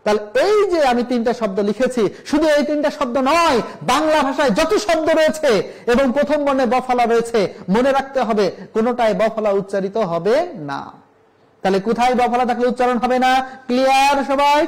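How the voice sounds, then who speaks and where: Male lecturer, very high voice, drills pronunciation by repeating words, talks straight to students. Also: brisk, rough recording. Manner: repeats example words to contrast right and wrong pronunciation; addresses students directly, asks rhetorical questions. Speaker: college Bengali lecturer. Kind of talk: recorded classroom lesson on pronunciation.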